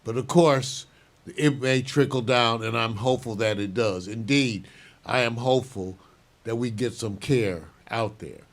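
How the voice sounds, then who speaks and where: An older man hosting a show, giving measured, opinionated news commentary and chuckling now and then. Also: medium pitch. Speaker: show host.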